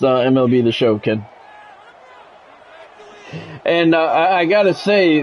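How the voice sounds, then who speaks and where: This middle-aged video game streamer provides live football play-by-play in a trained sportscaster manner, with relaxed asides. His voice is on the high side and a little mellow. The low-quality recording carries slight background noise.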